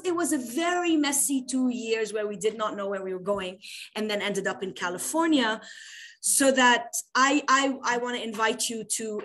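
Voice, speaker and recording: Lady poet chatting on a video call, animated, laughs a lot, kinda high voice. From Lebanon. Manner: animated, laughs easily, thinks aloud. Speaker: poet guest. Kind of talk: conversational interview answers.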